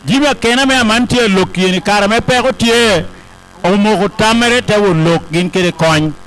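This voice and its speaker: A man interprets a podium speech in a high voice. He relays it aloud, one short phrase at a time. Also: moderate pace, fairly bright tone, low-quality recording. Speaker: consecutive interpreter at a ceremony.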